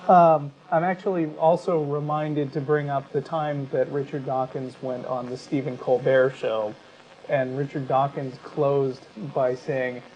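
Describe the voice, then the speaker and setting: In a medium-pitched, slightly dark voice, this talk-show co-host speaks flatly and without hurry, moving between chatty commentary and read-aloud passages. The recording sounds dull and lo-fi, and background noise is plainly audible.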